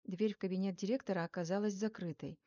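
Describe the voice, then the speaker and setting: A woman reading first-person narration for an audiobook, measured and even. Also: mid-range voice, dull audio.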